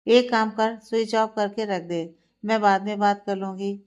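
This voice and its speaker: A woman voicing a shy, soft-spoken young bride-to-be in a read-aloud story. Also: medium pitch, little pitch movement, normal speed, smooth, natural voice. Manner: soft, embarrassed.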